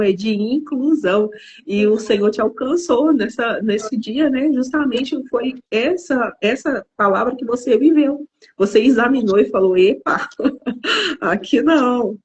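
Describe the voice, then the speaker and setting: A woman's voice: on the high side, moderate pace, darkish tone, a little hiss or hum, poor audio. A Brazilian woman pastor responding to a testimony with affirming, teaching remarks. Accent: Brazilian Portuguese. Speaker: pastor and host. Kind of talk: conversational preaching.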